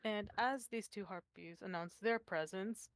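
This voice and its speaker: A woman narrating as game master, slow and halting with many fillers. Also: medium pitch, dry recording.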